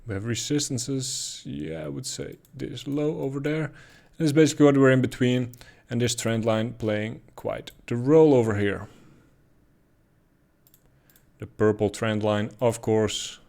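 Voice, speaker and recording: In a relaxed voice-over from his home desk, a Dutch-accented crypto chart analyst gives casual market commentary at an easy, unhurried pace. His pitch is mid-range with some vocal fry, and he thinks out loud, filling pauses with ums and uhs.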